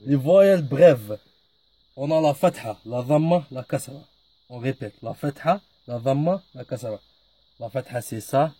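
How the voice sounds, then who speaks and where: A man's voice: mid-range voice, moderate pace, mellow, husky, no echo. A man teaching a lesson in French, patiently repeating each word. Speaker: Arabic teacher. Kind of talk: slow spoken lesson.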